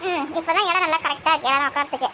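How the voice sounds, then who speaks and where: A woman, grumbling and gossiping loudly in a comic village sketch. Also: high voice, racing, slight background noise. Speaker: comedy sketch performer.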